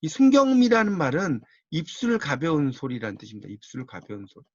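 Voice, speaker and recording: A man's voice: fairly high pitch, wildly swooping pitch, fast, dry recording, lo-fi sound. A man with a Gyeongsang accent giving a university-style lecture on Korean linguistics, explaining patiently and repeating key words.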